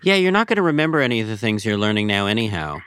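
A man hosting a show in casual chat, talking in a dry, halting, wry way. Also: lowish voice, very animated, background noise. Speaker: host. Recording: dry studio sound.

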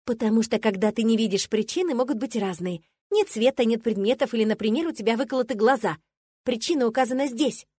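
A woman reading the part of a quick-tempered young heroine who snaps back indignantly. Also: fairly high pitch, darkish tone, breathy edge, dry recording. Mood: bossy. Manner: indignant, snappy.

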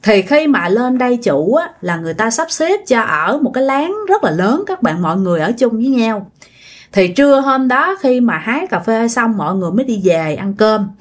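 A woman's voice: fairly high pitch, sing-song, moderate pace. A woman, a channel host telling ghost stories in a chatty, casual way, addressing her listeners directly. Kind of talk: casual spoken storytelling.

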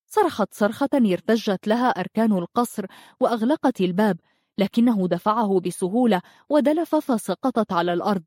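A woman's voice: medium pitch, no room sound. Woman narrating an audiobook, dry close sound. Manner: steady, dramatic storytelling.

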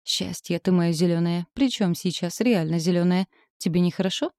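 A woman voicing a teasing, gruff young husband in an audiobook, lightly acted. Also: lowish voice, normal speed, darkish tone, no echo, studio quality, close to an everyday voice. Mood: grumbling. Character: grumbling joking young husband, a man.

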